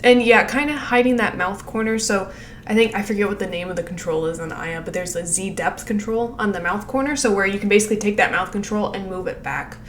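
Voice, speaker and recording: A woman's voice: mid-range voice, fairly quick, roomy sound, a little hiss or hum. A woman giving casual animation feedback, rambling with lots of fillers and frequent laughs. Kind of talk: casual critique over a screen share.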